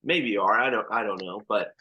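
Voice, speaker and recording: A man's voice: on the low side, a little fast, lo-fi sound. A young man chatting casually on a podcast with his brothers, rambling with hesitant restarts. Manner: rambling, hesitant, laughs along. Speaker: podcast co-host. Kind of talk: casual chat among brothers.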